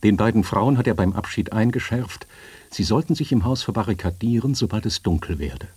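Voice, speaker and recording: A man narrating a literary story in a measured, even storytelling manner. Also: lowish voice, slightly rough, no room sound.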